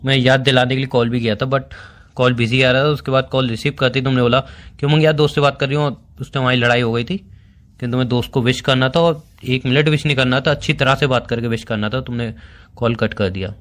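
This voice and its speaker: A man's voice: medium pitch, fairly even intonation, fast, natural voice. A man playing Umang, the hurt boyfriend. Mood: reproachful. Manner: reproachful, sarcastic, quietly bitter. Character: wounded young boyfriend feeling ignored. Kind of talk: amateur romantic audio drama.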